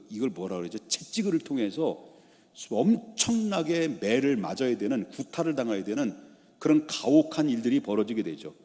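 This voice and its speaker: A man's voice: medium pitch, a little mellow. A male pastor preaching a sermon that retells the story vividly in a church sanctuary. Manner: storytelling, acting out the scene. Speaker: senior pastor. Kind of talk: expository sermon. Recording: long church reverb.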